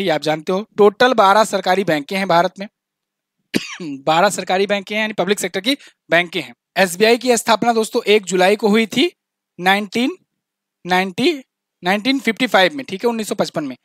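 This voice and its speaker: A man's voice: high-pitched, moderate pace, fairly bright tone, no echo, studio quality. A man teaching an exam-prep current affairs quiz lesson, chatty, repeating key facts and adding little jokes. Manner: repeats key facts, says "ठीक है ना" often.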